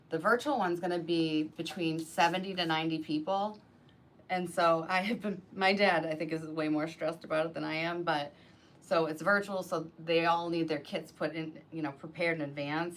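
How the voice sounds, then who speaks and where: A woman's voice: sits low, fairly even intonation, moderate pace, slight background noise, rough recording. A woman chatting casually during a live stream as she designs a wreath, rambling with lots of fillers and talking to herself as she works. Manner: talks to herself while working. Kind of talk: casual live-stream chat while crafting.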